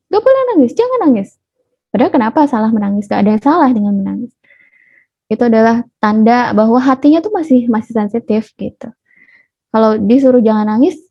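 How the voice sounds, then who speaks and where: Female parenting speaker, fairly high voice, chatty and playful, lo-fi video-call sound. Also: creaky. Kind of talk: casual online webinar talk. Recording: dull lo-fi webinar audio.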